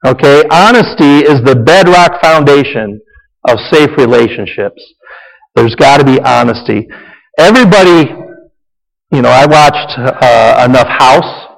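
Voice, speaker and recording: A man delivers a Bible lesson as sermon-style teaching, his creaky mid-range voice moving at a measured pace. His delivery is conversational and repetitive, with casual asides along the way, and a hall's echoing reverb surrounds him.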